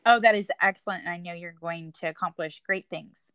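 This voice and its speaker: A woman's voice: fairly low pitch, brisk, pushed and bright, clear, resonant tone, no room sound. Encouraging American woman hosting an interview. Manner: encouraging, affirming. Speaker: podcast host. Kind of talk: conversational interviewing.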